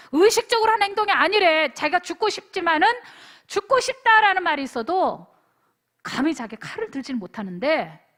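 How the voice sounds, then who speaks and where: A woman pastor preaching a youth retreat sermon, telling stories, acting out what people said and calling out for amens. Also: sits high. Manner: animated, calls for amens; storytelling, acts out dialogue.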